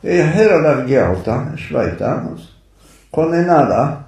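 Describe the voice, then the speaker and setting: A man's voice: on the high side, very animated, gravelly, darkish tone. A man preacher telling a story in a sermon, in a conversational style that speaks directly to his listeners. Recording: echoey room, far from the mic.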